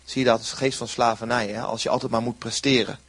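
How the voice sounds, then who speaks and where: A man's voice: medium pitch, level tone, fast talker, a bit bright, husky. A man preaching a sermon in an earnest way, repeating short phrases for emphasis.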